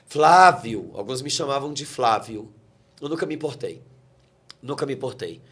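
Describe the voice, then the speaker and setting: Expressive and husky, with medium pitch, a fairly bright tone and moderate pace, this Brazilian pastor in his forties testifies emotionally as an interview guest. He quotes scripture in a fervent, preacherly manner.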